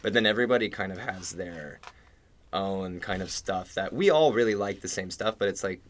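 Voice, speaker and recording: A man's voice: sits low, moderate pace, a little hiss or hum. A young man from Georgia in the US, a band member chatting casually in a radio interview and rambling with lots of filler words. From Georgia, USA. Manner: rambling, heavy use of "like". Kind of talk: casual chat.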